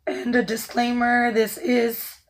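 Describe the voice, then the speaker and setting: Step by step, a female makeup artist explains her tutorial in a calm, instructive manner, adding soft asides as she goes. Her pitch is fairly high and her pace slow, while her naturally raspy voice is hoarse and keeps breaking in and out.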